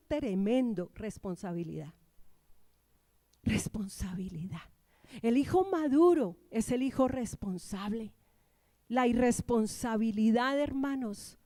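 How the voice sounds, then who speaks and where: A woman pastor from Colombia preaches with emphatic rises and drops. Her voice sits high and is heard close and dry, with little room sound. She keeps prompting the congregation to repeat her lines. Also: mellow, no room sound. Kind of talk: sermon. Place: church.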